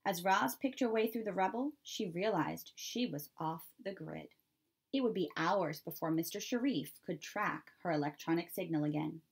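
A woman reading a children's chapter book aloud in a clear, steady storytelling manner. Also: fairly low pitch, normal speed. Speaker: reader.

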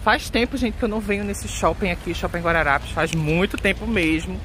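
A man's voice: high-pitched, fairly quick. A chatty vlogger, talking to his viewers through a face mask. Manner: chatty, excitable, addresses viewers. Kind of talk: casual vlog chat. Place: indoor shopping mall. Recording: mall ambience noise behind.

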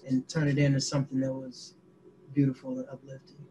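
A man in his twenties, a youth activist, recounting events on a video call in a halting way with many fillers. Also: mid-range voice, flat delivery, warm tone, a little hiss or hum, poor audio. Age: 20s. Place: small indoor room. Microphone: laptop webcam mic, group on one call.

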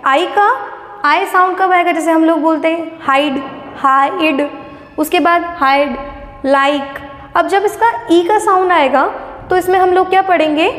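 A woman's voice: very high voice, normal speed. A woman teaching an English phonetics lesson, explaining step by step and often asking rhetorical questions. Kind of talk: classroom lesson on phonetic sounds. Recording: echoey room with long reverb.

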